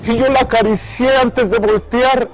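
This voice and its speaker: Middle-aged man with a high voice, earnest and emotional, telling his own testimony over faint music. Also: steady tone, measured pace. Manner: earnest, repeats words for emphasis. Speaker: speaker giving a religious testimony.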